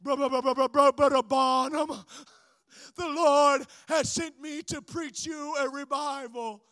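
Man voicing a stammering evangelist, earnest, repeats words, high voice, dry sound. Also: fairly even intonation, a little slow, pushed and bright, no room sound, exaggerated voice.

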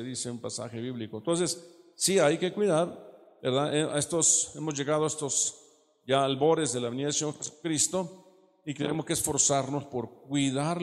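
A man teaches a sermon in a church hall, his voice trailing off into a long reverb. He explains patiently, keeps asking "¿verdad?" and slows to read the verses aloud. His voice sits at an ordinary middle pitch. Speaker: preacher.

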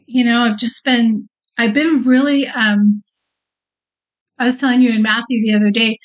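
A woman's voice: medium pitch, poor audio. A middle-aged woman co-hosting a podcast, telling stories in a chatty way and laughing easily. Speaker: podcast co-host. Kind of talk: casual chat.

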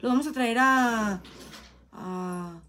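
A woman's voice: a little high, slow pace, a bit bright, slight background noise. A woman with a Mexican accent chatting casually on a live stream from home, joking, swearing and reading out viewer comments. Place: at home, indoors.

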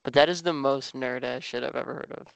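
A man's voice: medium pitch, steady tone, fast talker, creaky, smooth, no room sound. A man co-hosting a podcast in casual chat, teasing and sarcastic, swearing freely. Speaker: podcast co-host.

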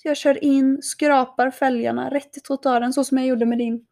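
A young woman chatting casually, telling an animated story, laughing often and acting out what people said. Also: high voice, vocal fry.

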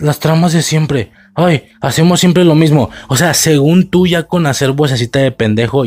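A man's voice: medium pitch, darkish tone. A man with a Mexican accent ranting sarcastically and profanely in a casual video review, with faint music behind.

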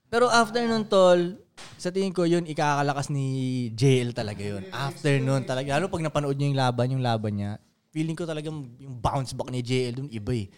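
A man with a Filipino accent co-hosting a casual podcast chat, talking in animated bursts of banter. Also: mid-range voice, a little fast, smooth. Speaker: podcast co-host.

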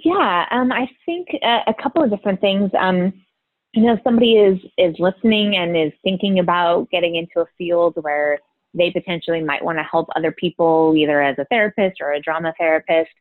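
A woman's voice: lowish voice, fairly quick, dry recording. A woman drama therapist explaining her ideas in a podcast interview, often checking in with "right?". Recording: phone-like dry line.

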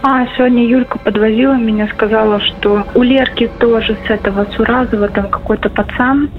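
A woman's voice: a little high, steady tone, fairly quick. A woman from Russia chatting casually from home on a phone call, heard over a radio-like intercept. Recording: tinny intercepted phone line, music behind.

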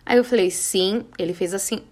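Animated Brazilian woman telling a story. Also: medium pitch, moderate pace. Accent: Brazilian, São Paulo area. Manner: animated, acts out quoted dialogue. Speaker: podcast host. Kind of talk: casual storytelling podcast.

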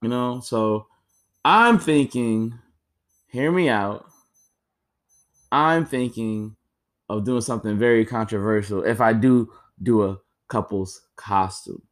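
A man's voice: lowish voice, fairly even intonation, moderate pace, hardly any pauses. Profane young man riffing casually. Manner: profane, rambling, joking. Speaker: podcast host. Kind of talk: casual comedic monologue.

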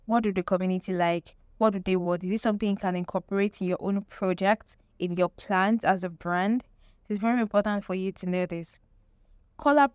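A woman's voice: mid-range voice, smooth, dry recording, clean studio sound. A woman presenting an explanatory lesson with tips, emphatic, repeating key phrases and posing rhetorical questions. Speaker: presenter teaching marketing tips.

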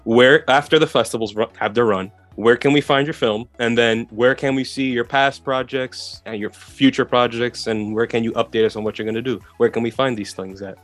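A man's voice: medium pitch, fairly even intonation, a little fast, hardly any pauses, fairly bright tone. A man hosting a casual podcast interview, asking questions and addressing his guests. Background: music.

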